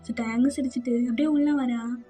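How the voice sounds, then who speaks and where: A woman narrating a fan fiction audio story in a casual, chatty way. Her voice is high yet mellow and husky, with faint music underneath. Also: fairly even intonation, quick pace.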